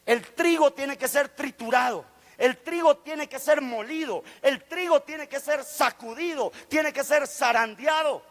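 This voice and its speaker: Man, fervent sermon, very high voice, long church reverb. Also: a little slow, a bit bright. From Guatemala. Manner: fervent preaching, acts out quoted voices, rising to exclamations. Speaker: guest preacher. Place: church sanctuary.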